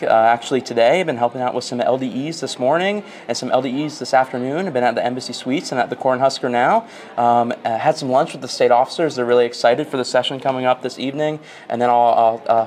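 Fast-talking earnest young man. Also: medium pitch. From Florida. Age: young adult. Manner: friendly, earnest, many uh fillers. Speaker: interview guest, national student officer. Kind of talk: casual interview answers. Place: large hotel convention hall.

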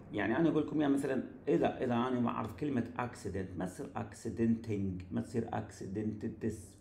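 A man with an Iraqi Arabic accent teaches an online English grammar class, explaining patiently and often checking that his students follow. His voice is gravelly and mellow, and the room around him rings with a noticeable echo. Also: mid-range voice. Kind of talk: recorded online lecture.

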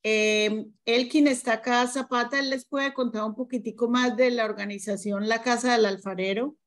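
A woman with a fairly high voice hosts a video-call meeting. She welcomes guests warmly and introduces the next speaker over her webcam. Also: steady tone, moderate pace. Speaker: meeting host.

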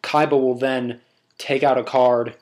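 A man's voice: medium pitch, little pitch movement, measured pace, darkish tone. A young man hosting a casual video, talking in a crude, rambling, joking way. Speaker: video host. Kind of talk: casual vlog commentary.

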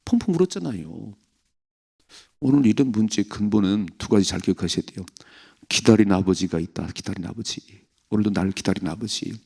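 Male pastor, low husky gravelly voice, emotional dawn sermon, acts out the voices he quotes. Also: lively intonation, brisk. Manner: acts out voices of parents, David and the devil in quoted lines; emotional, swinging between loud and hushed.

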